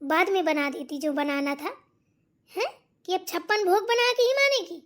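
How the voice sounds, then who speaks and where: A woman's voice: very high voice, normal speed, a bit bright. A woman voicing a bossy, scolding older mother-in-law in a cartoon. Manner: nagging, scolding. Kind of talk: cartoon voice acting.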